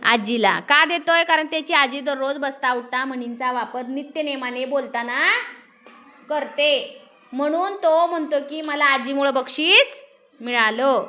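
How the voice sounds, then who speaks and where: A woman teacher reads a story to her pupils in a classroom and keeps stopping to explain it and put questions to the class. Her voice is high-pitched, bright and forceful. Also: unhurried. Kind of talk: classroom lesson, reading a story aloud.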